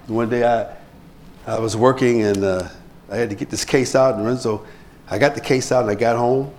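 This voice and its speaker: A man's voice: moderate pace, a little hiss or hum. A man preaching a sermon as pastor, telling stories and acting out the people he quotes. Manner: preachy, animated, acts out quoted people in rising pitch. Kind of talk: sermon with anecdotes.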